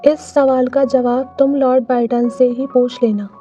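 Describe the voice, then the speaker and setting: A woman voicing a gentle royal queen mother, read in a plain storytelling way. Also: sits high, flat delivery, measured pace. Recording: slightly dull recording, faint music.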